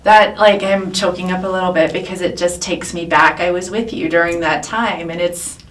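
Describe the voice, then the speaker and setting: A woman's voice: lowish voice, steady tone, normal speed. A woman in her fifties co-hosting a faith talk show, reflective and affirming as she leads the talk and reads scripture. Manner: reflective and affirming, leading the discussion. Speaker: co-host. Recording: roomy sound from a distant mic.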